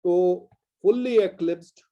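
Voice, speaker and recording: A man's voice: high-pitched, extremely slow, dull audio. A man from India teaching a chemistry class, explaining step by step in a patient way and drawing out key terms as he goes. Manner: patient, step-by-step explaining, addresses students as "beta". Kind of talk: classroom lecture.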